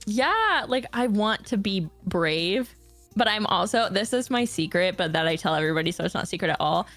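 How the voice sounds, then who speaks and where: A woman's voice: mid-range voice, lively intonation, moderate pace, fairly bright tone, dry recording. A woman chatting casually as a guest VTuber on a livestream, informal, giggly and self-deprecating. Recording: music behind the voice. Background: music.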